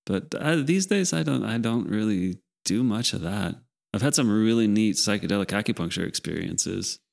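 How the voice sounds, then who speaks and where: Gravelly low-voiced man, musing. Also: lively intonation, moderate pace, darkish tone. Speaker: acupuncturist guest. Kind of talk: casual chat.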